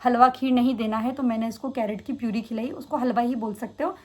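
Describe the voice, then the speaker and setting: A young woman vlogger answering viewer questions in a fast, chatty way. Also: on the high side, fairly even intonation, darkish tone. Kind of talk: casual Q&A chat.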